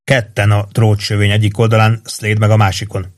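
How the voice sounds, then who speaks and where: Man narrating a novel, measured. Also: fairly low pitch, completely flat delivery. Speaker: audiobook narrator. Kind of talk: scripted narration.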